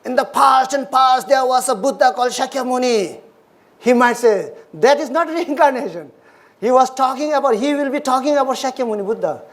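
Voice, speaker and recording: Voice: sits high, fairly quick. A speaker from Nepal, giving a dharma talk in short, simple, repeated English phrases. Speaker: Buddhist lecturer.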